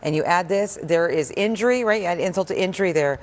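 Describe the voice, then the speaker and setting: Fast-talking, low-voiced American news anchor woman. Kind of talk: morning news presenting.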